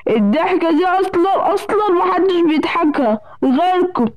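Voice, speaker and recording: A woman's voice: very high-pitched, lively intonation, fairly quick, dull audio. A woman with an Egyptian accent voicing a wicked, threatening teacher in a children's cartoon. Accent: Egyptian Arabic. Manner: menacing, scolding. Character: wicked threatening schoolteacher villain.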